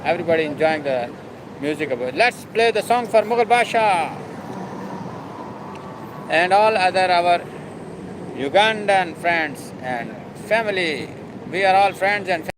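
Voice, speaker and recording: A man's voice: high voice, lively intonation, measured pace, background noise. A man hosting a casual live stream, talking in a rambling, emphatic and repetitive way. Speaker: livestream host.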